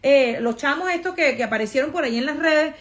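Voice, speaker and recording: A woman with a Venezuelan accent and a high voice talks quickly to her followers in a casual get-ready-with-me vlog. She's a social media influencer, speaking emphatically and repeating phrases for effect.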